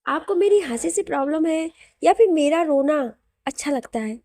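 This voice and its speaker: A woman voicing a hurt but loving young wife who speaks softly and emotionally. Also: high voice, lively intonation, moderate pace, no room sound, studio quality, pitched above the performer's own voice. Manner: soft, pleading, emotional.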